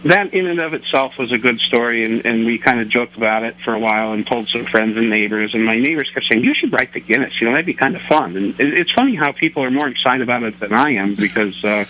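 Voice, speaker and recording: A man's voice: mid-range voice, animated, quick pace, hardly any pauses, sharp tone, a little hiss or hum, poor audio. A middle-aged man telling rambling, joking, self-deprecating anecdotes as a radio interview guest. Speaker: interview guest, record holder.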